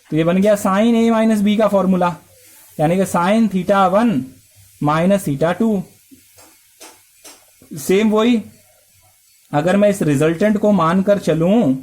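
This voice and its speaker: A man's voice: high-pitched, darkish tone. A male math teacher lecturing a class, explaining step by step and asking and answering his own questions.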